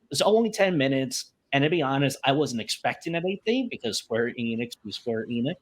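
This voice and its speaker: A man hosting a relaxed podcast chat. His voice is mid-pitched and swings up and down with lots of animation, and he keeps the talk light and jokey. It is an easygoing, conversational delivery. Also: a little fast. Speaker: podcast host.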